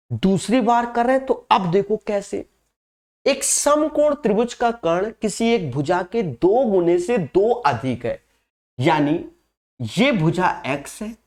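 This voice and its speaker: A man's voice: high-pitched, darkish tone. A man teaching a maths lesson for exam prep with a nasal voice from a cold, chatty, and calling his students his friends. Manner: chatty, calls students "my friend", slips into English phrases. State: has a cold and fever.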